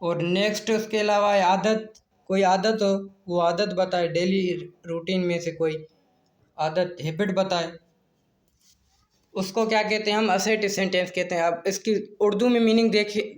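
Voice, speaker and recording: A man with a fairly high voice teaches English grammar in a home-made lesson video. He talks slowly, repeats each point, and poses questions to answer himself. He mixes Hindi-Urdu explanation with English terms. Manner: slow, repetitive, answers his own questions.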